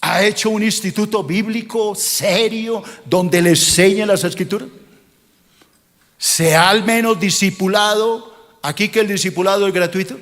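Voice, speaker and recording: A man's voice: high-pitched, fairly even intonation, a little slow, fairly bright tone, long reverb tail. A male pastor preaching a sermon, scolding and questioning his congregation in a rhetorical style.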